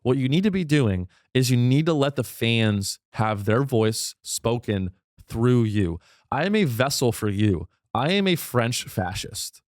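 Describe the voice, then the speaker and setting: In an unhurried, darkish voice with big pitch swings, a man rambles irreverently on his own podcast, cursing as he goes and jumping suddenly into a high register. His voice is giving out on him. There's no echo, and the sound is studio quality.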